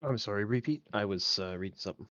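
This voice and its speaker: Male game player: fast, animated, wry, casual role-play, dull lo-fi audio. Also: on the low side, no room sound. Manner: wry, joking.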